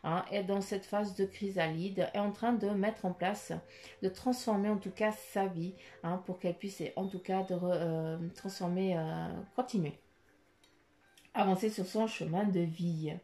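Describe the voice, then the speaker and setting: A woman reads oracle cards casually as daily guidance, talking straight and intimately to the viewer while she meanders and sprinkles her phrases with "hein" and "euh." Her voice is medium-pitched and warm, with fairly even intonation and an unhurried pace.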